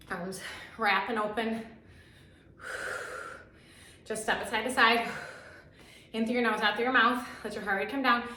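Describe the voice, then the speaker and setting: A woman coaching a workout like an aerobics instructor, giving short, encouraging, energetic cues as she exercises. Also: a little high, a little hiss or hum. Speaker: fitness instructor leading a workout. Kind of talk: aerobics instructor cueing and counting down. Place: echoey room, exercising while talking. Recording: very echoey room, distant microphone.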